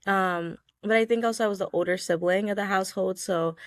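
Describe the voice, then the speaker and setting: Clean studio sound with no echo captures a young adult student guest from Georgia, USA, chatting through her interview answers with plenty of "like"s and "um"s. Her mid-range voice is brisk.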